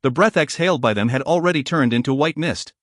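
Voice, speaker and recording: A man reading scripted audiobook narration in a steady, even storytelling voice. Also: on the high side, fast talker, no room sound, clean studio sound.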